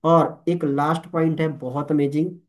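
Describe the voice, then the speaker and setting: In this motivational training talk, a young man addresses network marketers at a moderate pace, his voice on the high side. Speaking animated Hindi sprinkled with English words, he repeatedly asks "ठीक है?" and "All clear?" to confirm everyone is with him.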